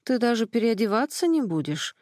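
A woman's voice: on the high side, big pitch swings, brisk, a little mellow, no room sound, studio quality, pitched above the performer's own voice. A woman reading the lines of a tired, sleepy young female roommate in an audiobook. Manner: sleepy, grumbling.

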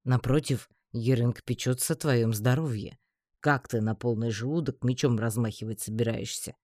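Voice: medium pitch, fairly even intonation, normal speed, dark tone, dry recording, close to an everyday voice. A reader voicing a sarcastic, mocking male mage mentor in an audiobook. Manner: dry, mocking.

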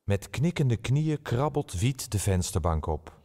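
A man narrating a children's musical stage play in a calm storytelling way. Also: mid-range voice, a little slow.

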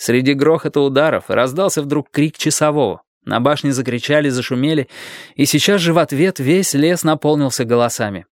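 A man narrating an audiobook in a steady, even storytelling manner, close to the microphone. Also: fairly high pitch, fairly quick, no room sound. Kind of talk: scripted narration.

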